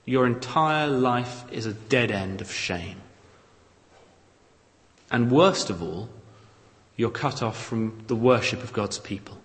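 Male preacher, measured and emphatic, unhurried, recorded in a reverberant hall. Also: medium pitch, lively intonation, a bit bright. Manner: measured, emphatic, dramatic scripture reading. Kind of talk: expository sermon. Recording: long reverb of a large hall.

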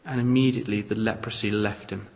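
A man preaching an expository sermon, reading scripture aloud with measured, dramatic emphasis. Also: on the low side, fairly even intonation, darkish tone. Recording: long reverb of a large hall.

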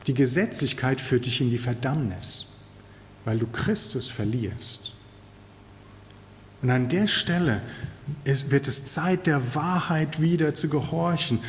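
Man, sermon, earnest and emphatic, lively rising and falling pitch, long hall reverb. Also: a little hiss or hum. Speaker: preacher.

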